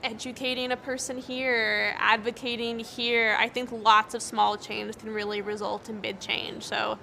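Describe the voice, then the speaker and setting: A young speech-language pathologist from the United States, interviewed here, stutters with repeated words and cut-off sounds while giving earnest, encouraging replies. Her a-little-high voice is unhurried and level, bright and forceful with vocal fry, and the rough recording carries slight background noise.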